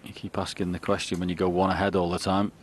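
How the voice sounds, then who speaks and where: A man's voice: deep voice, level tone, fast talker. A man giving live co-commentary on a snooker match. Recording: crowd and faint noise behind. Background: snooker arena crowd.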